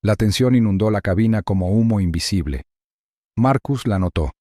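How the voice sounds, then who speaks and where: Male narrator, mid pitch, mellow and dry, measured suspense reading. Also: no echo. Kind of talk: scripted narration.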